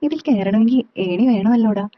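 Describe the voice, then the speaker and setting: A woman's voice: a little high, normal speed, dry recording, natural voice. A woman reading as a teasing, playful aunt. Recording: slightly dull, dry recording.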